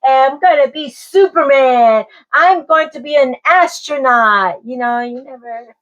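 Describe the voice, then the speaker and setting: A woman hosts an interview, speaking at an unhurried pace in a slightly high voice. She asks measured questions and often pauses on "um" while she finds her words. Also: a bit bright, dull audio. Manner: slow, measured questions with frequent ums. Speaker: interview show host. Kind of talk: hosted interview.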